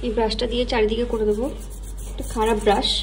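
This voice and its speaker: This home vlogger has a fairly high, flat-sounding voice with little pitch movement and rattles along at a rapid-fire pace. She chats casually to viewers about her chores in the kitchen and around the house, over some background noise. With her child asleep she keeps it soft, but she switches to a coaxing sing-song when addressing the child.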